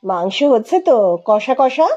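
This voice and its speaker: A woman voicing a loud, bossy, carefree man who gives orders and teases his old friend. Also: a little high, big pitch swings, unhurried, lo-fi sound, faint music behind. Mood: teasing. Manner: commanding, teasing.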